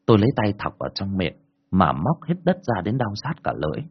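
A man narrating a first-person horror story in a dramatic, drawn-out way. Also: sits low, wildly swooping pitch, husky. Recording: dull lo-fi recording.

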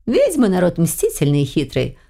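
Женщина читает аудиокнигу. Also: female voice, on the low side, huge pitch swings, normal speed, vocal fry, dark tone. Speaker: audiobook narrator. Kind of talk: first-person novel reading.

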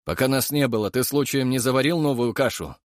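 A man voicing a calm, ironic grown man who speaks with dry humour. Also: medium pitch, a little fast, no room sound, lightly acted. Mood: curious.

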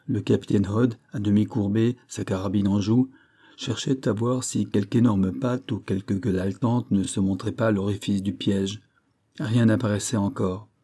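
A man reads an adventure novel aloud in a deep, dark tone. His pitch sits low, and he lifts it noticeably for the quoted lines of dialogue. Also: breathy edge. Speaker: audiobook reader. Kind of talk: scripted narration of a classic novel.

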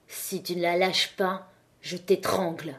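A brooding young male miner in an audiobook, played by a woman narrator. His tense lines come in her own voice, low and menacing. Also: fairly even intonation, takes it slowly. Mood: threatening.

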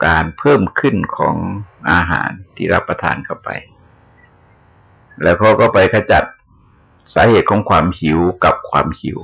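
Older male monk, measured sermon delivery, very low and creaky. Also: highs cut off. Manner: slow, measured explaining with pauses. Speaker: Buddhist monk.

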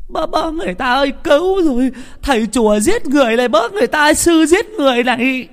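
A shrieking old grandmother in a spooky storybook, as a man puts on her high, wailing voice, jumping all over in pitch. The cries ring out with a long hall-like reverb. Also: lively intonation, fast talker. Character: shrill old village grandmother back from the dead.

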